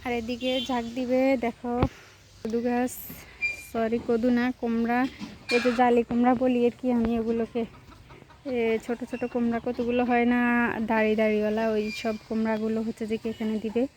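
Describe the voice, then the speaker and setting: A young Bangladeshi woman chatting to her viewers while she works in her village garden, rambling and casual, sometimes slow and soft. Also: on the high side, monotone, noisy background. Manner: speaks slowly and softly on purpose at times. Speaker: village vlogger. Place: outdoors in a village vegetable garden.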